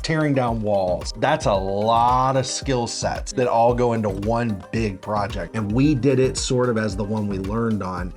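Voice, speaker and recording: A man co-hosting a home renovation video, talking earnestly in casual chat and laying out points in long lists. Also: mid-range voice. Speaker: co-host of a home renovation channel.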